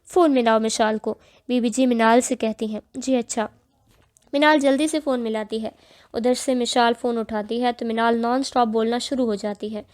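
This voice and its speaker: Woman reading a novel out loud, steady storytelling, bit high voice. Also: dry recording. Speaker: novel narrator. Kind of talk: scripted narration.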